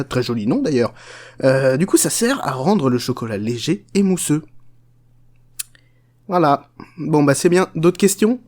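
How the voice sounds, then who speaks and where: A man's voice: on the high side, darkish tone, close to an everyday voice. A man playing a crude, unhinged chocolate factory owner, rambling, swearing and mocking in a comic parody.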